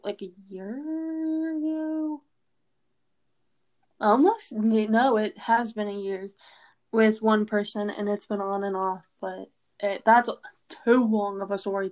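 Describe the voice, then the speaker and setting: A young woman co-hosting a casual chat podcast, speaking in a loose, halting way full of fillers. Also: medium pitch, darkish tone. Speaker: podcast co-host.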